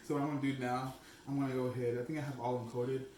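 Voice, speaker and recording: A young man chatting away in his home kitchen, excitable and loose, filling every pause with "like". His voice sits at an ordinary middle pitch. The room bounces his voice back, with a faint hum of noise behind him. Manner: chatty and excitable, heavy use of "like". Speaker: food blogger host. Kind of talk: casual cooking vlog. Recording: echoey room.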